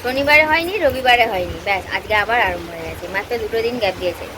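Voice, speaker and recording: A woman's voice: mid-range voice, lively intonation, rapid-fire, noisy background. A housewife vlogging from home, chatting casually and straight to her viewers while recording on a handheld phone. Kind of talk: casual vlog chat to viewers. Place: at home, indoors.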